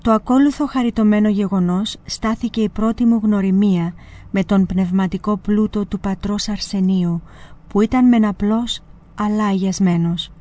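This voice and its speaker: A woman presenter reading a spiritual memoir aloud in a measured, expressive way. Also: medium pitch.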